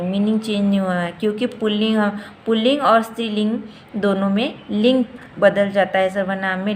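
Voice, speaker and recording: A woman teacher giving a grammar lesson, saying each form slowly and repeating it so students can practise. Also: medium pitch, slight background noise. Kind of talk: grammar lesson explaining and drilling forms.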